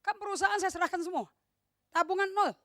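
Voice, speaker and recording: A woman's voice: very high voice, fast talker, fairly bright tone, no echo, clean studio sound. A middle-aged woman pastor, preaching a sermon in an emphatic way and slipping English phrases into her talk. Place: church hall.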